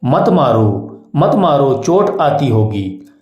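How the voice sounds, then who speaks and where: A man voicing a kind, gentle beggar holy man who speaks affectionately, in a slow storybook reading. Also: medium pitch, sing-song, highs cut off. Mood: tender. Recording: echoey room.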